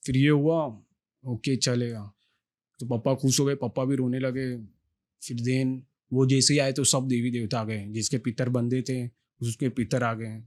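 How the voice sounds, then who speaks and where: A man's voice: medium pitch, little pitch movement, unhurried, a little mellow. Earnest young man telling a rambling story. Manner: earnest, rambling, with many restarts and fillers. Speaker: podcast guest. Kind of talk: casual storytelling interview.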